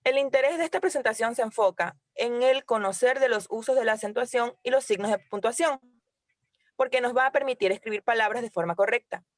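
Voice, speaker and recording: A young woman, a student, reading a class presentation in a steady, formal way. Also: a little high, a little fast, no room sound, clean studio sound.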